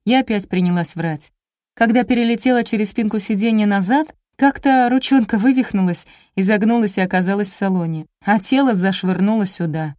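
A woman narrating a first-person audiobook in a lively, expressive way. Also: medium pitch, a little fast, no echo, clean studio sound.

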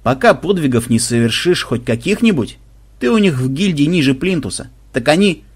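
Burly, blustering tavern keeper, played by a man; loud, husky, talkative. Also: on the high side, lively intonation, normal speed.

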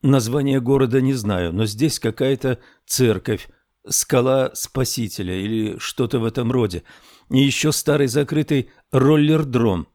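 A man's voice: medium pitch, unhurried, darkish tone, natural voice. A man reading an audiobook, voicing an impatient young woman who coaxes and calls out. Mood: flustered. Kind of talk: audiobook character voice.

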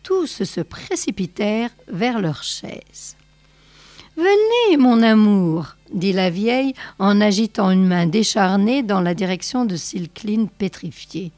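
A woman reading a short story aloud in a slow, measured way on a close mic. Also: medium pitch, a little mellow, no echo. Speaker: reader.

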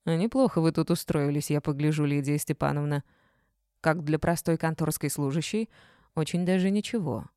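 Woman doing a domineering middle-aged man, gruff, bossy, blunt, dark mellow voice, dry. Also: deep voice, moderate pace, no room sound, natural voice. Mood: mocking.

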